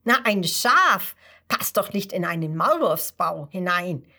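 A woman's voice: fairly low pitch, very animated, measured pace, pushed and bright, heavily acted. Lady doing a grumpy little storybook mole, huffy and cross. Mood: amused.

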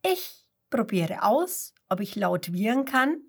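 A woman's voice: on the high side, sing-song, slow, husky, exaggerated voice. A woman voicing a cheerful, clumsy kangaroo in a children's story, speaking in a playful, sing-song way. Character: cheerful, clumsy female kangaroo, noisy but kind.

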